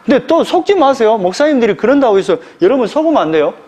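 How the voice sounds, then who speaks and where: A man preaching an expository sermon as pastor, animated, asking the congregation rhetorical questions. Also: extremely high pitch, quick pace.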